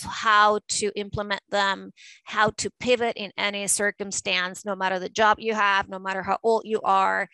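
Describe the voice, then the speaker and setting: A woman's voice: mid-range voice, bright, forceful tone, clear, resonant tone, no room sound, low-quality recording. A woman in her forties from Venezuela, an art advisor talking fluently and emphatically as a podcast guest. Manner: fluent, emphatic, with frequent fillers. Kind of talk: conversational interview.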